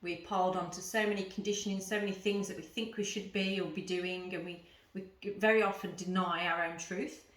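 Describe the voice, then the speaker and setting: Bright-voiced woman teaching yoga, echoey room. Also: lowish voice, steady tone, fairly quick. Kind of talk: guided yoga and breathing lesson, explaining and instructing. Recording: roomy echo, voice at some distance.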